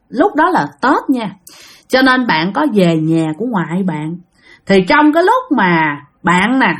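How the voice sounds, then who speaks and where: A woman telling a spooky story in a chatty, conversational way. Her pitch moves a lot, rising and falling as she talks straight to her listeners. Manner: chatty, addresses listeners directly. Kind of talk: ghost story narration.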